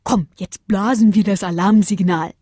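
A woman voicing a kind male Saint Bernard who speaks gently and calmly. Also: medium pitch, normal speed, no echo, studio quality, natural voice. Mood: explaining.

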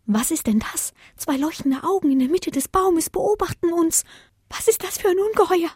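Scared little girl voiced by a woman, very high shaky panicky voice. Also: animated, normal speed, a little mellow, dry recording, studio quality. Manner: scared, trembling. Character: frightened little girl, trembling.

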